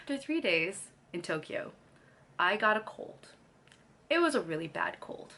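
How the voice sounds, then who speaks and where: Her mid-range voice is sing-song, bright and forceful, moving a little slowly. She's a young Canadian vlogger chatting to camera and laughing often between sentences, her throat slightly scratchy after losing her voice.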